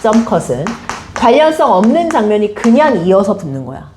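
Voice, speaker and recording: A woman's voice: medium pitch, big pitch swings, moderate pace, slight background noise. A woman teacher giving a classroom literature lecture, quizzing her students with frequent questions. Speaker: high school teacher.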